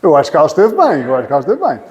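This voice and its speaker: A man teaching an English class, playful and teasing, repeating words slowly and clearly for his students. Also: fairly high pitch, huge pitch swings, darkish tone, in a large hall, highs cut off. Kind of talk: classroom lesson. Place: church hall classroom.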